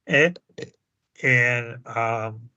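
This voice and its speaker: Slow, halting man on a dull podcast mic. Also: medium pitch, bright, forceful tone, clean tone, no room sound. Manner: halting, many fillers and restarts, chuckles often. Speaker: podcast co-host. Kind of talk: casual podcast chat.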